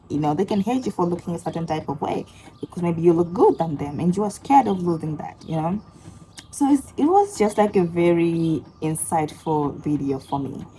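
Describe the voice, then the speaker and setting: A young woman talks casually to her viewers, her voice low and mellow. She rambles with lots of fillers and jumps into lively, high-pitched outbursts now and then. A faint hiss runs under the recording. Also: rough recording. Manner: chatty, lots of fillers, swings into animated outbursts. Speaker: vlogger. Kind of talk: casual storytelling to camera.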